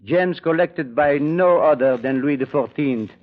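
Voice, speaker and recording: In a muffled vintage radio broadcast from the 1940s-50s, a man plays a suave, menacing French crook with a French accent, pompously proclaiming his sincerity. His delivery is courtly, oily and polite, with hesitant, mock-courteous menace. The voice is fairly high, unhurried, and lightly acted.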